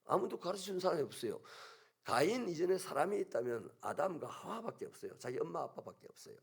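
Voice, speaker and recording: A pastor with a Gyeongsang accent preaches with animated storytelling, and his voice swings widely up and down. The tone is gravelly and a bit husky, and it sits somewhat high for a man. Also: fast talker. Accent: Gyeongsang Korean. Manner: animated storytelling, acting out scenes. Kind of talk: sermon. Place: church sanctuary.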